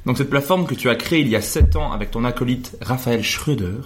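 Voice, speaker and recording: A man's voice: medium pitch, quick pace. A man hosting a podcast interview in a conversational way.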